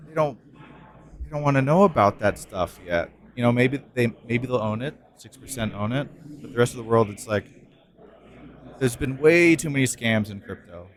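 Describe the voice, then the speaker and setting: A man chatting casually as co-host on a podcast, mid-pitched, his talk loose and full of "um" and "like" as he circles back and restarts his sentences. His voice sits at an ordinary level for a man. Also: animated, moderate pace. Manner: rambling, many fillers and restarts.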